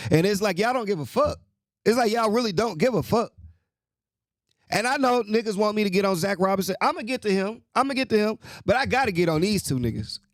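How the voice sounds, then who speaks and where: Animated, profane man ranting about sports. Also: dry recording. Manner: profane, exasperated ranting with swings in pitch. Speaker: host. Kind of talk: casual sports rant.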